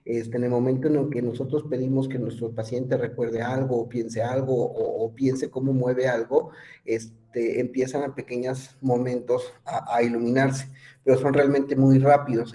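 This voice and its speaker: Male lecturer, conversational, mellow tone, medium pitch. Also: level tone, measured pace. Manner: conversational, asks students questions, many fillers. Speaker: psychology lecturer. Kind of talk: online class lecture.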